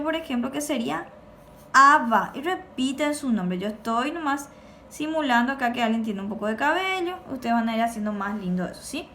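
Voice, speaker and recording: Woman teaching kids on a recording, fairly high voice, drills words slowly, faint noise behind. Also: a bit bright. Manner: slow, clear drilling of words for repetition. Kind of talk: recorded remote lesson for children.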